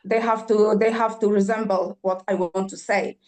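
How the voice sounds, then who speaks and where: A podcast guest, this singer-songwriter from Poland has a mid-range, darkish voice with fairly even intonation. She speaks Polish natively and talks enthusiastically, though haltingly, with frequent fillers, repeats and false starts.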